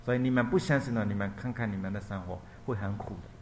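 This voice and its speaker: Man giving a relaxed Buddhist dharma talk. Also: fairly low pitch, fast, slight background noise. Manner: repetitive, explanatory, ends points with a quiet tag; hesitant, searching for words. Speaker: Buddhist monk teacher.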